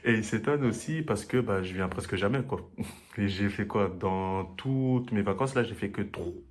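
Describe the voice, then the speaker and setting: A young man vlogging, telling animated stories with frequent laughter and acted-out quotes. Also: fairly low pitch, a little slow. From Comoros family, raised in France. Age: young adult. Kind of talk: storytelling travel vlog.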